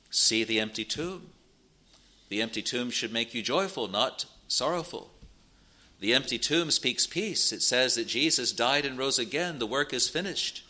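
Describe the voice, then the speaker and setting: A man preaching a sermon in an earnest, measured way, with some restarts and quoted scripture. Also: medium pitch, bright, forceful tone.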